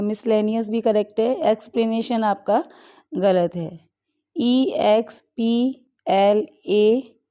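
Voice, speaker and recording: A woman's voice: mid-range voice, creaky, mellow. A woman English teacher, going through an exam practice set and explaining each answer in mixed with English. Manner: explains in Hindi mixed with English, reads options slowly.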